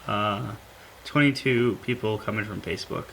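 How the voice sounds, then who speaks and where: A man hosting a podcast in casual chat, talking haltingly with lots of fillers as he thinks aloud. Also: fairly low pitch, fairly even intonation, fairly bright tone, slight background noise, rough recording. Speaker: podcast host.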